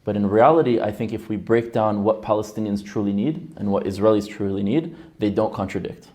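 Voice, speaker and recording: A man's voice: fairly low pitch, fairly quick, dark tone. A male activist in a panel discussion, speaking in a composed way with long, full sentences. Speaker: rights activist. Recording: faint background music.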